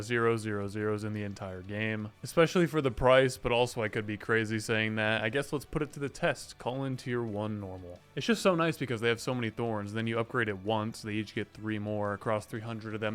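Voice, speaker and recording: A man giving casual, excitable gameplay commentary, using slang and mild swearing and breaking into loud yelps at close calls. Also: on the low side, smooth. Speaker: gaming YouTuber.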